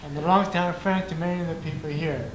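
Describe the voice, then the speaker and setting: Man, soft and halting, introducing a guest, roomy hall, audible noise. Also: fairly high pitch, fairly even intonation. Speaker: speaker introducing a guest at a forum. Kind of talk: informal introduction. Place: community forum hall.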